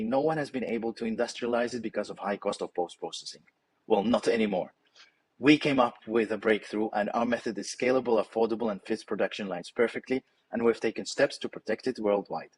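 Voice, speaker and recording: Guy doing a confident polished startup pitch, fairly low voice, bit of noise behind him.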